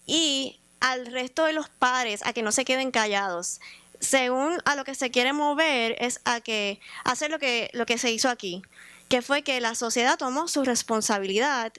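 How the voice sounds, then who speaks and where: A woman offers an unscripted comment at a forum. Her voice is on the high side and clear, with very little room sound around it. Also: a bit bright, dry recording. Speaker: forum participant asking a question.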